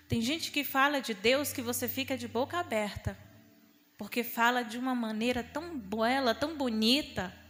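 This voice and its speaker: A woman's voice: on the high side, a bit bright. A young woman preaching a fervent, emphatic sermon. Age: young adult. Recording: long reverb in a hall.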